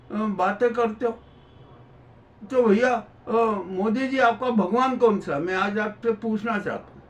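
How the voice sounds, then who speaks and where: High-pitched man, slow news commentary. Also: fairly bright tone. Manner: conversational, rhetorical questions, repeats phrases for emphasis. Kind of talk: opinionated spoken news commentary. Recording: dull lo-fi, distant from the mic.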